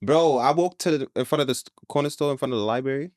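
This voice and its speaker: A man's voice: mid-range voice, fast talker, darkish tone, no room sound, studio quality. A young man with a New York accent, co-hosting a podcast and telling a long, laid-back story full of slang. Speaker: podcast co-host. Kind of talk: casual chat.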